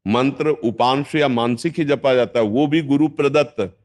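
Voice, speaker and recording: A man's voice: medium pitch, normal speed, darkish tone. An older man with a North Indian Hindi accent, a spiritual teacher giving a firm, instructive devotional discourse with emphatic repetition.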